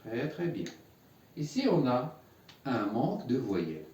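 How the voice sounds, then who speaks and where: A man's voice: mid-range voice, big pitch swings, unhurried, dark tone, distant mic. Patient male teacher in an echoey room. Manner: patient, repeats words and has learners repeat. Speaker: Arabic teacher. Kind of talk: classroom lesson at a whiteboard.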